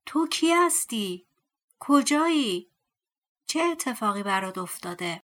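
A woman's voice: a little high, sing-song, fairly bright tone. A woman voicing an idle, timid young male farmhand who calls out and stammers in fright. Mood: calling out.

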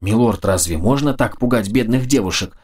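A man's voice: lowish voice, lively intonation, moderate pace, a little mellow, husky. A man voicing a firm, practical young woman who gives the orders, in a storybook reading. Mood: bossy.

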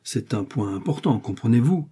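A man's voice: medium pitch, expressive, moderate pace, mellow, husky. A man voicing a cold cloaked stranger. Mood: probing. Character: scheming male stranger in a cloak, cold, commanding.

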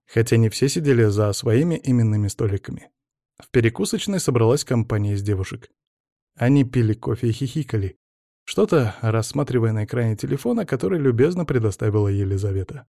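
A man narrating a first-person audiobook story in an even manner. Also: mid-range voice, a little fast, no echo, clean studio sound.

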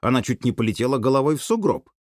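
A man narrating an audiobook in an animated storytelling manner. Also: mid-range voice, fast, no room sound, studio quality. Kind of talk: scripted narration.

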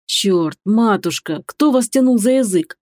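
A woman's voice: mid-range voice, animated, measured pace, darkish tone, dry recording, studio quality, lightly acted. A woman doing a worried young man. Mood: earnest.

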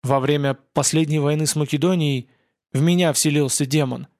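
A man reading the part of a gruff, blunt older male priest and war veteran in an audiobook. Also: on the high side, steady tone, fairly quick, a little mellow, no echo, studio quality, natural voice. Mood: grim. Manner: blunt, commanding.

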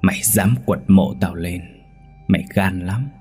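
A man's voice: sits low, fairly even intonation, a little slow, darkish tone, breathy edge, faint music behind. A man voicing a vengeful female ghost who speaks in a gloomy, threatening tone. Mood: menacing.

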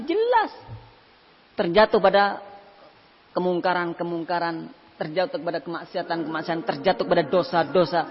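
Animated male preacher in echoey hall. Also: fairly high pitch, a little hiss or hum. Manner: animated storytelling with voiced quotes. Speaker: ustadz. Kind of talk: sermon. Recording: dull lo-fi hall recording.

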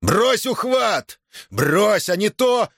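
A man voicing a quick-tempered, domineering merchant who scolds and barks at his household. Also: a little high, very animated, no room sound, studio quality, voice pushed up. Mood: scolding. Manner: barking, scolding.

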